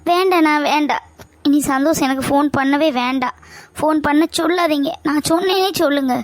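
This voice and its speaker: A woman's voice: high voice, fairly quick, no room sound, lightly acted. A woman playing a hurt, tearful young woman in an amateur family skit, insisting she wants no more contact with her fiancé. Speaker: younger sister figure.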